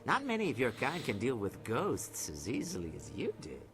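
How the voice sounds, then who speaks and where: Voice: mid-range voice, wildly swooping pitch, moderate pace, music in the background. An actor voicing a wary keeper of a haunted inn in a video game, speaking formally and with suspicion. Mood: guarded.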